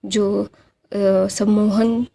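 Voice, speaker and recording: Woman storyteller, casual retelling, chatty, hesitant, gravelly, dark voice. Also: medium pitch, flat delivery, very slow, slight background noise.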